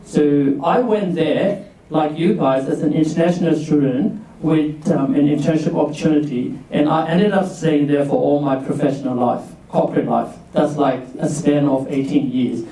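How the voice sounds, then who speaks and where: A man's voice: a little high, normal speed, dark tone. A man in his forties from Burma, a leadership coach giving a chatty workshop talk to students and asking them to raise their hands. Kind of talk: casual presentation to students. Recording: echoey room from far off.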